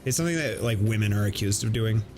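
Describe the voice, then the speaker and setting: A man's voice: lowish voice, expressive, quick pace. A man casually chatting while playing a video game, rambling and filling his speech with "like". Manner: rambling, heavy use of "like" fillers. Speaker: let's play host. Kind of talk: casual gameplay banter. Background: game music.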